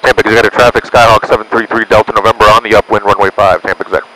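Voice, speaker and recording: In the cockpit of a small propeller plane in flight, a male pilot makes radio calls and explains things to his passenger through an aviation headset boom mic. His low, flat-pitched voice races, sounding pushed and bright, and the low-quality intercom recording carries engine and radio noise.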